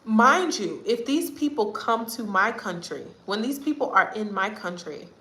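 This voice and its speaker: Lively woman chatting in an echoey room. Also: mid-range voice, measured pace. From United States. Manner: animated and chatty, often laughing. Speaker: vlogger. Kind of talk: casual storytelling chat. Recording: roomy echo.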